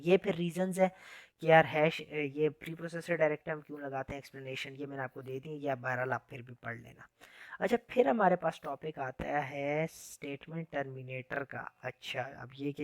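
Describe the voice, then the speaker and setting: Casual male coding teacher, easygoing and chatty, mid pitch, dry close voice-over. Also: gravelly, no echo. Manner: chatty, informal, says "yaar" often. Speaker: programming teacher. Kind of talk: casual classroom lecture.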